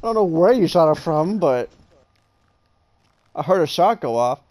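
A woman's voice: low voice, expressive, moderate pace, dark tone. Foul-mouthed laughing woman gamer. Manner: swears constantly, laughs and yelps in surprise. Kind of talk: gaming chat with a friend.

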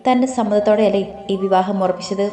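A woman voicing a young man who is a steady office boss, calm, questioning and reassuring. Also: mid-range voice, quick pace, slight background noise, natural voice. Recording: roomy echo, faint music.

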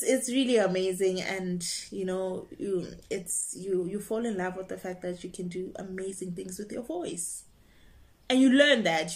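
Bubbly young woman vlogger. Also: medium pitch. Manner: bubbly, expressive, laughs and breaks into singing. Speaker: vlogger, young opera singer. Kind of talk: casual chat to camera.

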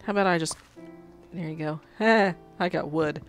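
A low-pitched woman, sick with a cold and working a cough drop, reads quest text out loud at normal speed as she games. Faint music plays behind her casual commentary, which includes cursing whenever things go wrong.

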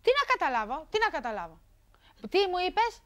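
A woman speaks with a high, piercing voice as she argues on a television talk show. She is agitated and mockingly quotes her husband and his mother. She keeps pressing her case. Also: big pitch swings, fairly bright tone. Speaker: guest in a couples dispute. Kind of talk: heated studio argument.

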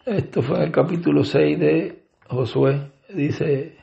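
A man with a Puerto Rican accent preaching at a Bible study. He reads scripture aloud and then explains it, with frequent pauses. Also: fairly high pitch, vocal fry. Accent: Puerto Rican Spanish. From Puerto Rico. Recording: dull lo-fi sermon recording.

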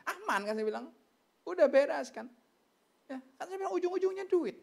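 A middle-aged male pastor delivering a sermon with plenty of storytelling. His voice leaps up into loud, high exclamations and then drops to hushed, low remarks, keeping the congregation engaged. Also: expressive, moderate pace, vocal fry.

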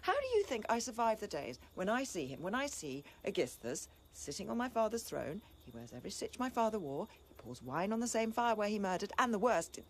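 An actress playing a bitter, grieving young princess in a classical stage tragedy, impassioned, with sharp outbursts among low laments. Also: female voice, sing-song, a little fast, hardly any pauses, slight background noise. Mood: bitter grief.

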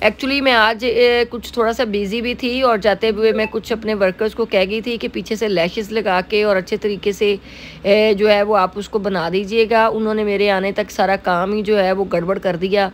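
A woman's voice: medium pitch, fairly even intonation, moderate pace. A middle-aged woman with a Pakistani Urdu accent, a makeup artist narrating a casual tutorial, talking in a chatty way with many filler phrases. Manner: chatty, repeats "jo hai woh" fillers. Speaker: makeup artist and salon owner.

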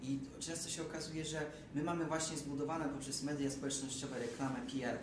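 A young man, a running coach, explaining his views calmly and firmly in casual conversation. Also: a little high, a little fast. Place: bright office room. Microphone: far camera. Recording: echoey room from far off with noise.

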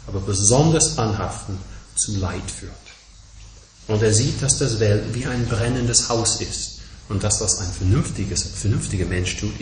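Buddhist teacher guy giving a talk, low voice, hammering points with repeated contrasts, faint hum behind. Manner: emphatic, measured, builds points in insistent repeated contrasts. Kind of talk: dharma talk to an audience. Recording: echoey room.

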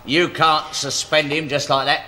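An actor playing an easygoing bus conductor in a 1970s TV sitcom. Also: male voice, on the high side, little pitch movement, measured pace, bright, forceful tone, big-room sound, a little hiss or hum.

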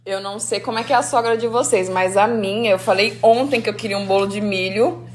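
A woman's voice: medium pitch, steady tone, quick pace. A young woman talking casually and playfully while filming on a country estate. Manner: chatty, playful. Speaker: vlogger. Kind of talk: casual vlog chat.

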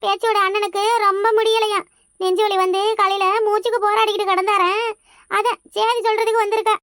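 A woman's voice: very high voice, level tone, fast, fairly bright tone, no room sound, clean studio sound. A woman voicing an anxious village wife in a cartoon, talking in an emotional, pleading way. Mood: excited. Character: anxious village wife torn over her family. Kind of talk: cartoon voice acting.

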